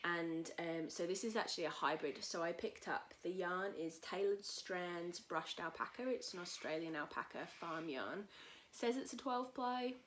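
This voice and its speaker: Cockatoos call outside the tiny home where this English podcast host chats, rambling and filler-heavy, about knitting. Her low voice is husky yet a bit bright, a little croaky from a cold, moving at a moderate pace with few pauses over faint background noise.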